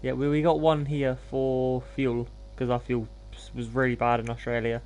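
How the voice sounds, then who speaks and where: A man's voice: medium pitch, level tone, normal speed, a little mellow. A man hosting a gaming livestream, talking in an informal, laid-back, self-deprecating way as he commentates. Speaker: live streamer hosting gameplay.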